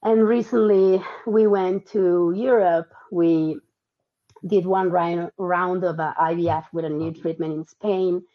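This woman has a lowish voice with fairly even intonation and talks a little slowly. Raised in Italy and tied to both Argentina and Italy, she's a guest in a relaxed podcast interview, hesitant and prone to ums and restarts, recorded in dull lo-fi sound.

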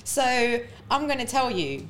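A woman's voice: fairly high pitch, sing-song, measured pace, fairly bright tone, slight background noise. A young woman in casual podcast chat who talks candidly about her parents. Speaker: podcast co-host.

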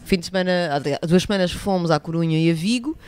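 A woman's voice: fairly low pitch, fast talker, darkish tone, clear, resonant tone, no echo. A woman with a European Portuguese accent, speaking casually as a band member in a group interview.

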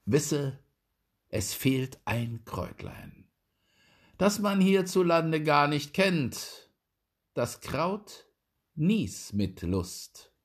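A man's voice: fairly high pitch, very animated, very slow, voice pushed up, heavily acted. A man reading a fairy tale, voicing a sly, mocking foreign guest who speaks in a sneering, knowing manner.

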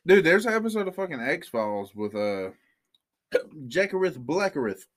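Lively, swearing young man. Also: fairly high pitch, moderate pace. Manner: swearing, lively, joking, laughs loudly. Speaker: podcast co-host. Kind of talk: casual chat.

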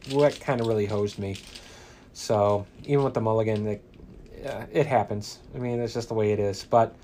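A man's voice: on the low side, darkish tone, slight background noise. Guy reading card game text and chatting about his deck, lots of ums and uhs. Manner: casual, halting with fillers, reads flavor text dramatically. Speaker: solo card game player.

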